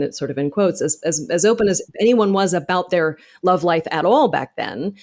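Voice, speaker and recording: Her voice sitting low with a slight mellowness, a thirtysomething actor and author tells stories as an interview guest. She is passionate and articulate, going into rich detail as she explains.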